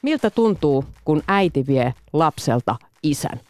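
A woman's voice: low voice, big pitch swings, loud music behind the voice. A woman hosting a live radio talk show in a studio, teasing her guests as she steers the chat. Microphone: studio microphone.

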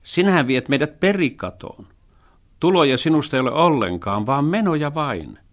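A man's voice: expressive, natural voice. A man voicing a thrifty, fussy male house cat who scolds and worries about money in a storybook reading. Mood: scolding. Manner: scolding, worried, high and loud.

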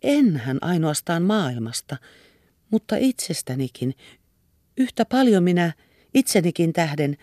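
A woman's voice: fairly low pitch, sing-song, warm tone, dry recording, clean studio sound. A woman reader voicing an anxious young woman who pleads tenderly and earnestly. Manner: earnest and imploring.

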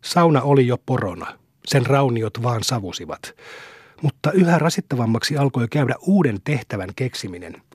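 A man narrating a classic novel in a steady, measured storytelling manner. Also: mid-range voice, slightly rough, dry recording, studio quality. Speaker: audiobook reader.

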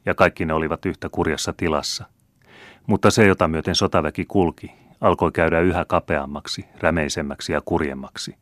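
A male audiobook narrator with a very deep, low voice reads a classic novel at a measured, steady pace. The recording is dry and close, with no room echo.

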